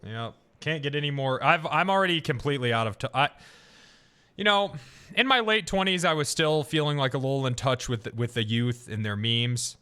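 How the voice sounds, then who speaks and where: Bright-voiced profane streamer, man. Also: mid-range voice, normal speed, clear, resonant tone. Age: 30s. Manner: profane, rambling storyteller who laughs often. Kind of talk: casual chat on a game stream.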